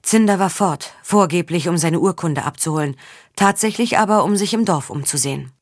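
A woman reading a novel aloud as an audiobook narrator in calm storytelling style. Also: on the low side, brisk, no echo, studio quality. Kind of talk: scripted narration.

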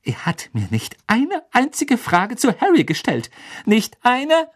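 A reader voicing a clever teenage girl witch in an audiobook, indignant and quick-talking. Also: mid-range voice, very animated, breathy edge, voice pushed up. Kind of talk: audiobook character voice.

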